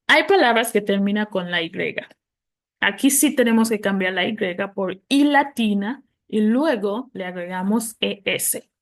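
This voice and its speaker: Slow, patient woman teaching English plurals. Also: mid-range voice, animated. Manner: patient, spells out letters, models English words slowly. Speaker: English teacher for Spanish speakers. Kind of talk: explaining plural noun rules.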